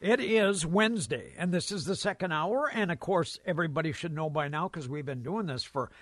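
Genial radio host, a touch high-pitched. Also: male voice, brisk, fairly bright tone. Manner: genial, laughing easily. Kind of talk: casual radio talk.

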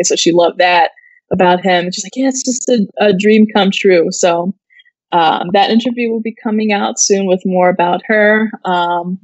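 An American woman co-hosts an entertainment news show, chatting casually and peppering her talk with "like." Her voice sits on the low side. The recording is dry and of poor audio quality.

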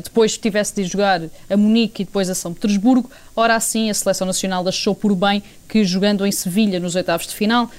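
A woman correspondent with a European Portuguese accent gives a live sports report. Her voice is very clear and smooth at a middle pitch, with thinking pauses and repeated words. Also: a little mellow. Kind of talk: live news report, unscripted.

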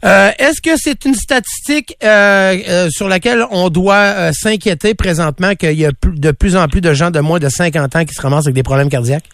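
A Québécois man hosts a radio show, his voice somewhat high and gravelly, recorded dry and close. He asks his questions haltingly, stopping and restarting mid-sentence. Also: fairly bright tone, no echo. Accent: Québécois French. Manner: hesitant, many fillers and restarts. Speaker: radio host. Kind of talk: radio interview.

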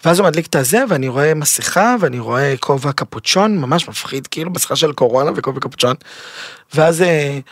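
A man as a podcast guest, telling a personal story in a lively, dramatic way, jumping between loud and hushed. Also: fairly high pitch, no echo, studio quality.

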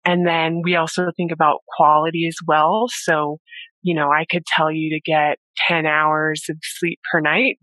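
A woman sleep scientist, a guest in an interview, explaining research in a measured way with frequent pauses and "you know". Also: deep voice, bright, forceful tone, no room sound, low-quality recording. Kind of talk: interview conversation.

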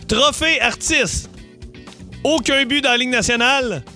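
A man's voice: very high-pitched, measured pace, pushed and bright, soft background music. A middle-aged man with a Québécois French accent hosting a radio morning show, running a quiz with playful, teasing banter and frequent laughs.

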